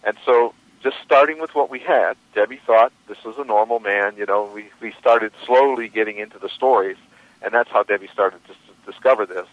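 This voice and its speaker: A man's voice: lowish voice, a little fast, dry recording. A man hosting a radio show as a coach, probing his guest with questions and repeating key phrases for emphasis. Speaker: radio host and life coach. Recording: dry, dull lo-fi radio audio.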